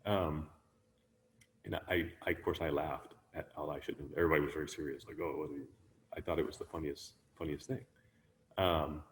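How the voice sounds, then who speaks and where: Deep low guy doing a chill online dharma talk, lots of ums, kinda echoey w/ faint hiss. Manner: relaxed, musing, with many ums and restarts. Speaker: Buddhist teacher. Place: online talk, sharing his screen.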